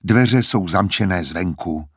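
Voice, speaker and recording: A man reading a weary, formal older dean who speaks slowly and quietly with a husky voice. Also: deep voice, no echo, clean studio sound. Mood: subdued.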